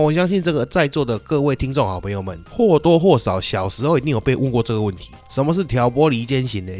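A podcast host with a Taiwanese Mandarin accent rants quickly and swears freely, sounding like casual comedy talk. His pitch sits in the middle, but it swings all over the place as he gets worked up. The delivery is rapid and full of energy. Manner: profane, animated ranting.

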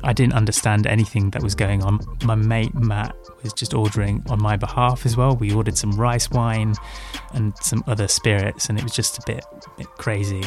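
On a podcast, a young man raised in Hong Kong shares a funny story from his own life, candid and poking fun at himself, growing lively as he recalls it. His voice is lowish and his pace moderate, with faint music in the background.

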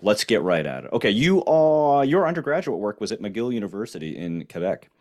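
A man's voice: fairly low pitch, big pitch swings, brisk, a little mellow. A man hosting a conversational interview, playful and prone to restarts and fillers. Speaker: podcast host.

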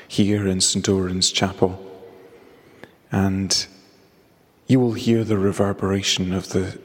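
Man, low voice, slow, echoey stone chapel, long reverb. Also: husky. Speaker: poet and guest. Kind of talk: reflective spoken storytelling. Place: small stone chapel indoors.

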